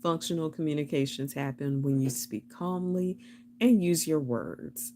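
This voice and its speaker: Slow, low-voiced chatty woman. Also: mellow, slight background noise. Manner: chatty and rambling, laughs often. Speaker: live-stream host. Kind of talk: casual live-stream chat.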